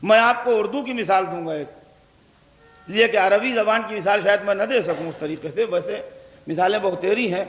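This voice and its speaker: High-voiced Urdu preacher in an echoey hall. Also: male voice, fairly bright tone. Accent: Lucknow Urdu. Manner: explains with repeated examples and questions to the audience. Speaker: preacher delivering a majlis. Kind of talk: religious sermon. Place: large hall before a gathering. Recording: echoey hall recording, 1982 tape.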